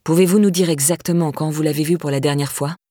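A male inspector delivers grim news in a cool, detached tone, as a female reader puts him on. The voice is low and husky, recorded dry and close. It is audiobook crime storytelling. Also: quick pace, dry recording. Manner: calm, detached.

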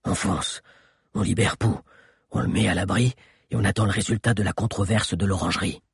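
A man voicing a huge teenage boy leader who speaks calmly and threatens in a low voice. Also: brisk, creaky, slightly rough, dry recording, clean studio sound, exaggerated voice. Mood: urgent. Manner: calm, commanding, low menace. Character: giant teenage boy leader, bold and menacing.

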